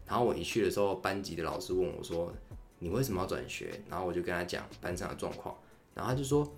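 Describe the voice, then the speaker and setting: A man's voice: deep voice, expressive, racing, faint music behind. A young man, hosting a podcast and telling a story in a candid, rambling, chatty way. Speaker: podcast host. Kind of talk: casual solo storytelling.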